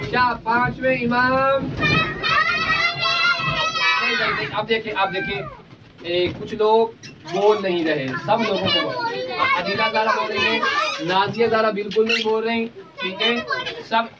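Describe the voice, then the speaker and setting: A man's voice: sits high, steady tone, moderate pace. A man leading a children's celebration, coaxing and cheering the kids on as he calls out chants for them to repeat. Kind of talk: call-and-response chanting with children. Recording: distant lo-fi mic with loud crowd noise. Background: loud chattering children.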